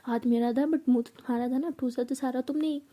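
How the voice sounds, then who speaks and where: A woman voicing a quick-tempered young college woman who scolds and teases, slightly higher than her narration, with a mellow tone. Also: steady tone. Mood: teasing scolding. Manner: scolding, bossy, hot-tempered.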